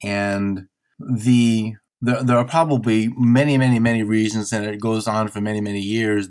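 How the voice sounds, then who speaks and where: A man hosting a casual interview, asking long rambling questions with many restarts. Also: fairly low pitch. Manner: rambling, hesitant, restarts a lot. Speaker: podcast host.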